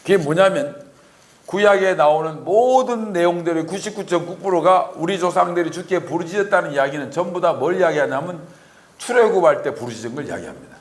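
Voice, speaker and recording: A man giving a conversational Sunday sermon in church, acting out the voices he quotes. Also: fairly quick. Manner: conversational, acts out quoted voices with rising pitch. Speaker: lay preacher. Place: church sanctuary.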